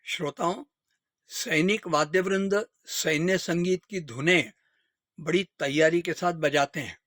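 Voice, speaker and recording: Man, radio announcer, formal and measured, slightly high voice, dry close sound. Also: a bit bright, no echo.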